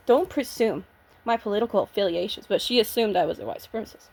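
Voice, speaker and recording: A woman's voice: mid-range voice, brisk, gravelly, a little mellow, slightly rough. A woman vlogging in a casual, blunt rant, swearing freely and sounding nervous and shaky. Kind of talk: casual ranting vlog.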